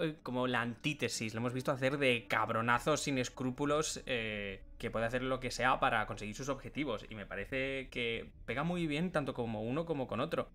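A man co-hosts a casual podcast chat and talks through his points at length. His voice sits in a middle register, and soft music plays faintly underneath. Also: mid-range voice. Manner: conversational, explains at length. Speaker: podcast co-host.

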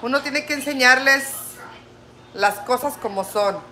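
Firm-talking grandmother with a bright voice. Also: high voice, measured pace. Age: older. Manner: firm, lecturing tone. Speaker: livestream host, grandmother. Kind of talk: casual livestream chat.

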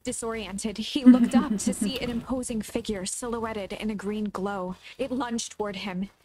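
A woman's voice: mid-range voice, fairly even intonation, normal speed, a crowd in the background, close to an everyday voice. A woman acting as a solemn storybook narrator for a mystery game, telling the tale in a scripted dramatic style. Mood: solemn, ominous. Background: music.

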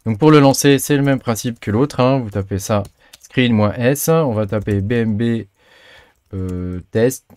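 A man's voice: medium pitch, no echo, studio quality. A man giving a casual, chatty tutorial over a screen recording, full of fillers and tag words. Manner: chatty, many fillers and trailing "hein". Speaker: crypto mining channel host.

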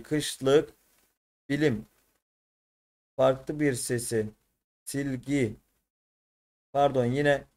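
Teacher, male, slightly high voice, tired, thinks aloud and self-corrects. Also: a little mellow. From Turkey. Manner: thinks aloud, corrects himself mid-solution. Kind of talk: exam prep lesson.

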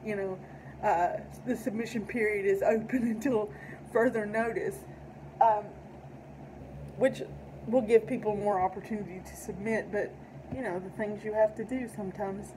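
A woman's voice: mid-range voice, steady tone, moderate pace, background noise. A middle-aged woman with an Appalachian accent talking casually to camera, enunciating with care. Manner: careful enunciation. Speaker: video channel host and poet. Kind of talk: casual vlog talk. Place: indoor room at home.

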